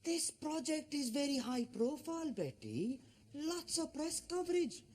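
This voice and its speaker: An actor playing a pompous, excitable middle-aged Pakistani father and self-styled community leader in a sitcom, with a Pakistani accent and a boastful, theatrical manner. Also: very high-pitched, measured pace, full character voice. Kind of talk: broad television sitcom acting.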